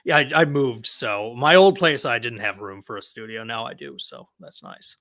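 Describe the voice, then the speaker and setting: A man's voice: medium pitch, expressive, moderate pace, sharp tone. A man hosting a casual livestream chat, rambling and sarcastic, talking from his home. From Milwaukee area. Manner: rambling, self-deprecating, sarcastic. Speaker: livestream host. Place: old house, home studio.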